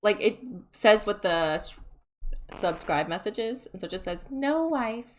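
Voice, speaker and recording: A woman's voice: mid-range voice, moderate pace. A woman teasing and giggling with friends on a voice call before a tabletop game. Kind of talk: casual group chat.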